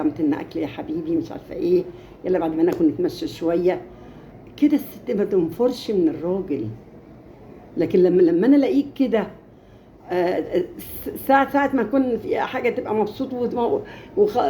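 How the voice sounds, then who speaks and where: A woman's voice: mid-range voice, dark tone, a little hiss or hum. A woman with an Egyptian accent giving impassioned marriage advice, stressing her points by repeating phrases. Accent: Egyptian Arabic.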